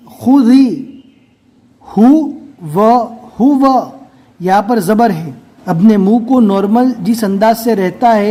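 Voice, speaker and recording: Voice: medium pitch, mellow. A Quran reading teacher giving a recorded step-by-step lesson, who explains patiently and then sounds out syllables one at a time.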